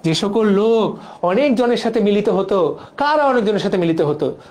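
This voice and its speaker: A man's voice: sits high, lively intonation, normal speed, a little mellow. A young man from Bangladesh teaching a biology exam-prep class, drilling memory tricks through repetition. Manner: playful, drills mnemonics with repetition. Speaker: biology lecturer.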